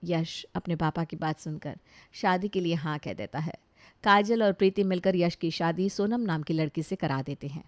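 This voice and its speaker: Steady woman storyteller. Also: lowish voice, normal speed, no echo. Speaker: narrator. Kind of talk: scripted bedtime story narration.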